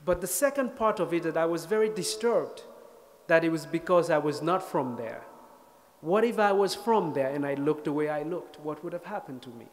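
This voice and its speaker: A man in his thirties from Sierra Leone speaks to an audience in a lecture hall, his voice sitting a little high for a man. He tells a personal story with wry, self-deprecating humor, pausing to reflect as he goes. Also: animated, slight background noise. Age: 30s. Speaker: guest speaker.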